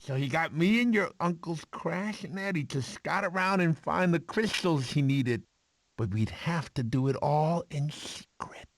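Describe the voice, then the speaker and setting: Sid, a goofy, wildly animated sloth. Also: male voice, a little high, unhurried. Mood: chatty storytelling. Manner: excitable, theatrical, exclamatory. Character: goofy, jittery male sloth, kindly bumbling uncle. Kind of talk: animated film tie-in game character dialogue.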